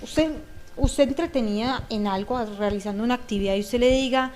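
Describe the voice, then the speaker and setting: A woman's voice: on the high side, brisk, a little mellow, a little hiss or hum. Earnest Colombian woman, acts out quotes. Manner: earnest, acts out parents' and children's lines. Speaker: guest speaker on parenting. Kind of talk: talk-show discussion.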